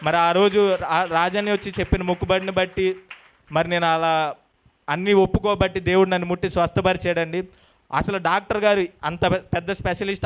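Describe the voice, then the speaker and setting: A man's voice: sits high, smooth. A man earnestly giving a personal testimony to a church congregation, speaking politely with frequent respectful endings.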